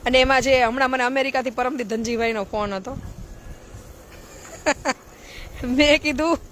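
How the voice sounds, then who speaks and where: A woman's voice: high voice, steady tone, measured pace, fairly bright tone, a little hiss or hum. A woman, a charity social worker giving a blunt, preachy live-stream talk full of rhetorical questions.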